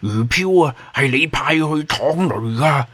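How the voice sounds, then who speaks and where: A man voicing a jittery, soft-hearted young man who blurts and stammers when upset. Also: deep voice, steady tone, moderate pace, slightly rough, exaggerated voice. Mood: flustered. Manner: stammering, agitated outbursts.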